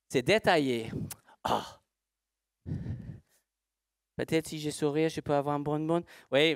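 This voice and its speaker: A man's voice: on the high side, dry recording, studio quality. Man teaching in French. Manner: plain, slightly broken French with rhetorical questions he answers himself. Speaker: horse trainer giving a demonstration. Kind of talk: live seminar demonstration talk.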